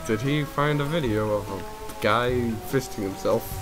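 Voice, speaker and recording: A young man co-hosting a let's play, chatting casually, loud and excitable and often laughing. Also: mid-range voice, moderate pace, rough recording. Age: young adult. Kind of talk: casual gaming chat. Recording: music playing behind. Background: game music.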